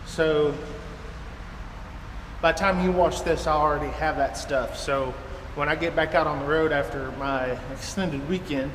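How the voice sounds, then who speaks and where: A trucker and video blogger, American and in his thirties, speaks to camera at a measured pace in a fairly bright, high-side voice with fairly even intonation. Casual and folksy, he rambles from inside an empty truck trailer, door open, its metal walls echoing amid clear background noise.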